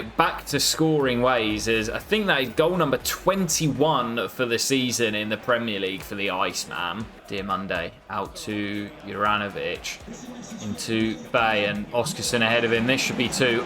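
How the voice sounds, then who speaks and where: A man's voice: medium pitch, noisy background. A man giving commentary over his own football video game career, breaking into exasperated outbursts when things go wrong. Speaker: gaming YouTuber. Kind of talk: gameplay commentary.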